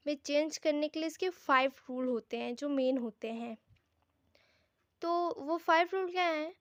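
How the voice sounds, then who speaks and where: A woman with an Indian accent and a high voice gives an informal grammar lesson, explaining things directly to her students and viewers while mixing Hindi and English. The recording is studio quality with no echo.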